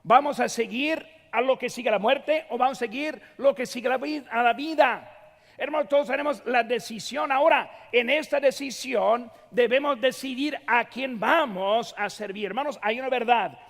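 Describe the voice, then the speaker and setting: A man pastor preaching in a church, his voice strikingly high for a man and rough with gravel. He presses his points home and turns often to address the congregation directly. A long reverb hangs after his words in the sanctuary. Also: normal speed, a bit bright. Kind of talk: sermon.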